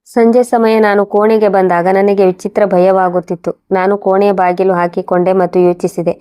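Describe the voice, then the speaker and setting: A woman reads a first-person moral story aloud at a steady, even pace. Her voice stays mellow and dark, and her pitch barely moves. The delivery is calm and level from line to line. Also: normal speed, smooth.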